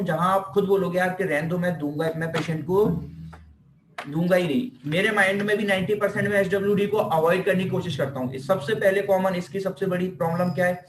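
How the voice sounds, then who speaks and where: A man with an Indian accent and a high-sitting voice gives an informal, emphatic physiotherapy lecture, repeating key phrases, asking rhetorical questions and using English technical terms. There is slight hiss or hum, and the echoey room is picked up by a distant microphone.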